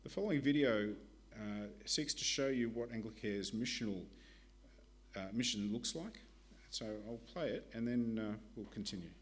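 A man presenting to a church, reading a prepared ministry report and Bible passages in a steady, measured way. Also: medium pitch.

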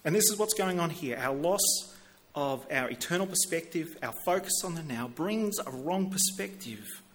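A man's voice: on the high side, lively intonation, moderate pace. A middle-aged man preaching a sermon in a conversational way, often repeating words as he starts a sentence. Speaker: pastor.

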